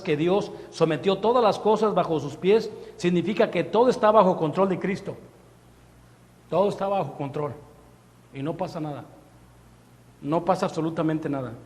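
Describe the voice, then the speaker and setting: Male preacher, high-pitched, animated storytelling sermon, echoing church hall. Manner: lively storytelling, acting out quotes, rhetorical questions. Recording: long hall reverb in a church.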